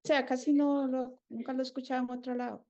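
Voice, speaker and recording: A woman's voice: sits high, little pitch movement, fast talker, a little mellow. A woman student asking a question in class, rambling and searching for words. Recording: dull lo-fi audio.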